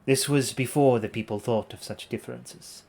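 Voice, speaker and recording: A man's voice: mid-range voice, fairly even intonation, normal speed, vocal fry, a little mellow. A man streaming a game, reading its story dialogue aloud in a playful, dramatic way with casual asides.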